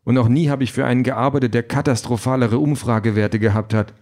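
A man's voice: medium pitch, fairly even intonation, fast talker, a little mellow, pitched above the performer's own voice, close to an everyday voice. A man voicing an exhausted, frustrated female campaign manager who swears bluntly, in a raised voice from an audiobook reading.

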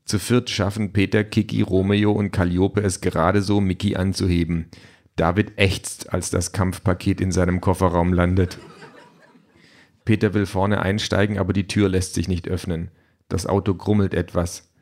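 A man narrating an audiobook in a measured, wry storytelling manner. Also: sits low, flat delivery, darkish tone.

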